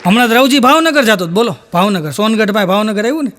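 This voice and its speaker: A stand-up comedian with a Kathiyawadi Gujarati accent tells jokes live on stage, his high voice very fast and full of lively intonation. His stories are crammed with "he said" tags, and crowd noise fills the busy background.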